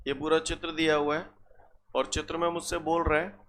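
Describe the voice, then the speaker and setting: A man's voice: fairly high pitch, flat delivery, fairly quick, a bit bright, a little hiss or hum. A man teaching a physics class, often checking his students as he works through problems. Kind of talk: classroom lecture.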